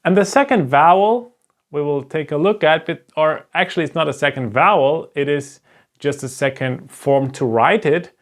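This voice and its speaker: A man with a fairly high voice talks at normal speed in a slow, explanatory Hebrew lesson at a board. He is a native German speaker with a German accent and teaches patiently step by step, checking in with "right?"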